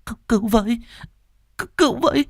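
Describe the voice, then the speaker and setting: A man's voice: very high-pitched, takes it slowly, gravelly, fairly bright tone, no room sound, clean studio sound, pitched above the performer's own voice, exaggerated voice. A man voicing a possessed young pregnant woman, wailing and crazed. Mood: agonized wailing.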